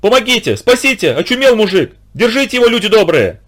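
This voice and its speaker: A man voicing a middle-aged peasant wife who wails and laments in shrill cries. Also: big pitch swings, quick pace, fairly bright tone, heavily acted. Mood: wailing.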